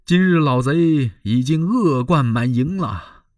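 A man's voice: on the low side, sing-song, measured pace, dry recording, studio quality. A man voicing a proud, hot-tempered warlord general in a traditional storytelling performance, declaiming boldly. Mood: scornful. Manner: bold declaiming.

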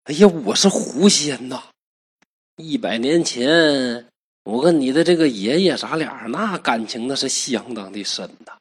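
A man's voice: medium pitch, animated, unhurried, slightly rough. A man voicing a kindly old female fox spirit who sighs and coaxes in a storybook tale. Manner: sighing, coaxing.

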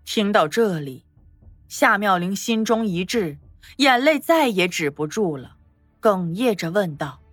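A woman giving expressive scripted narration for a palace audio drama. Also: mid-range voice, measured pace, no echo, soft background music.

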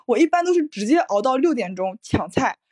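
A woman co-hosts a casual podcast, talking loosely and chattily with plenty of fillers. Her voice sits high and has a breathy, husky edge. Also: sing-song, a little fast, darkish tone. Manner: chatty, many fillers, frequent laughter. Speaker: podcast co-host.

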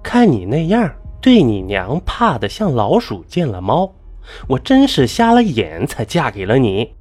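A man's voice: fairly high pitch, huge pitch swings, normal speed, dark tone, slightly rough, faint music behind, full character voice. Man doing a bitter young village wife. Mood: scolding. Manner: complaining, reproachful.

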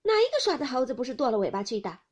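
A woman reading a storybook aloud, voicing a spirited teenage girl who answers eagerly and loudly. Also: sits high, sing-song, rapid-fire.

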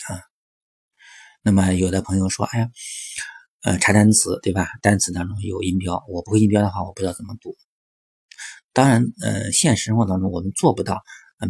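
Man, low gravelly voice, dry close sound, chatty teacher monologue full of filler particles. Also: a little mellow, no room sound. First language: Chinese. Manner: chatty, frequent filler particles and rhetorical questions. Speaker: English teaching commentator. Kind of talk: explanatory monologue.

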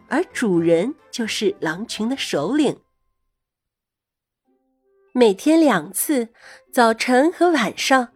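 A woman's voice: fairly high pitch, a little mellow. A woman narrates an educational children's script as a storyteller, as if reading to a toddler, addressing the little listener directly in simple words.

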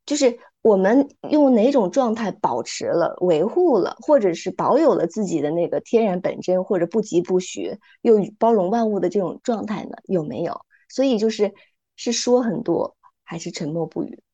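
A middle-aged woman speaking calmly and thoughtfully as a podcast guest, retelling little stories as she reflects. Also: mid-range voice, normal speed, slightly rough, dull audio. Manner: calm, thoughtful, retells stories with light acting. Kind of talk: reflective casual chat with storytelling.

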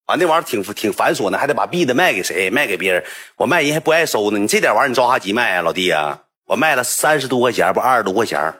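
Man, Northeastern Mandarin accent, livestream storyteller, very lively pitch, husky. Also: racing, hardly any pauses. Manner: animated, chatty, addresses viewers. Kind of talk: casual storytelling.

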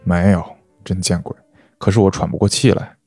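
A man's voice: deep voice, flat delivery, normal speed, vocal fry, darkish tone, slightly rough, no room sound, soft background music, full character voice. Man reading as a grumbling cold prisoner. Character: sturdy adult male prisoner, cold, cursing.

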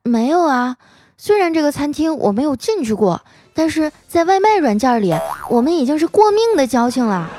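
A woman voicing a giddy, dramatic young female coworker in a comic story. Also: moderate pace. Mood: boastful. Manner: excited, high and exaggerated.

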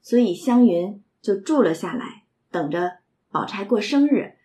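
A woman's voice: medium pitch, lively intonation, unhurried, mellow. A woman retelling and explaining a classic novel in a chatty, conversational way, with asides to the listener. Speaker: literature storyteller.

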